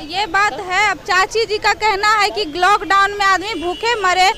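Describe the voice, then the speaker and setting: A woman with a very high voice reports from a busy street crossing. She chats easily and nudges passersby with question after question. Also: fairly even intonation, measured pace. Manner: chatty, coaxing questions to passersby. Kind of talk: street vox pop reporting.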